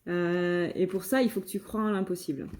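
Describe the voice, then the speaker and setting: Mellow, low-voiced woman reading tarot cards. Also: steady tone, a little fast. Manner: hesitant, many fillers and restarts. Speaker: tarot reader and medium. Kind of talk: casual channeled card reading.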